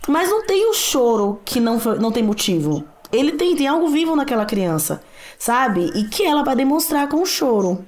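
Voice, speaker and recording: A woman's voice: sits high, sing-song, normal speed, darkish tone. A woman with a Brazilian Portuguese accent, a writer and psychoanalyst, explaining things reflectively as a guest on a talk show. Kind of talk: conversational explanation.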